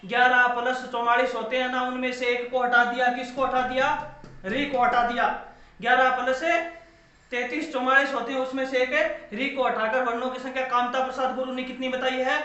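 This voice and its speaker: A man's voice: extremely high pitch, completely flat delivery, moderate pace, bright, forceful tone. A male teacher giving a classroom grammar lesson, asking questions and answering them himself, repeating key phrases. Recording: very echoey room, dull lo-fi sound.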